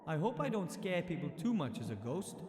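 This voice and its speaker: A man's voice: a little high, sing-song, fairly quick, darkish tone, long reverb tail, a little hiss or hum. A male actor voicing a young gnome who has become a ghost, musing aloud in a chatty, upbeat way in a video game.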